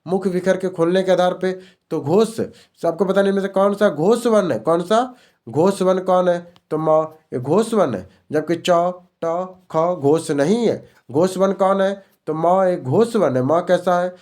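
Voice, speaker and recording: A man's voice: sits high, unhurried, darkish tone. A male teacher running an exam-prep grammar lesson, repeating each question and answer as a drill.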